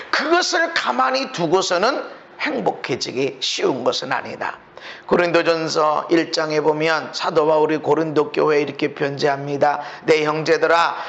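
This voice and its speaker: A male pastor preaching a sermon, pushing up to near-shouts for emphasis and dropping low at the ends of phrases. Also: vocal fry, highs cut off.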